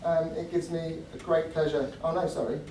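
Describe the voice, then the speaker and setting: A man's voice: on the high side, little pitch movement, moderate pace, mellow. Young man giving a roomy wedding toast. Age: 20s. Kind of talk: wedding toast, addressing guests. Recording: roomy, distant mic, noisy venue.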